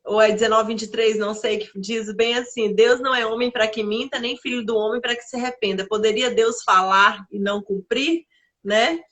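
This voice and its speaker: Bright-voiced woman hosting an interview. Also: a little high, fairly even intonation, moderate pace. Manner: encouraging, prompts the guest. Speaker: host. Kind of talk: interview conversation.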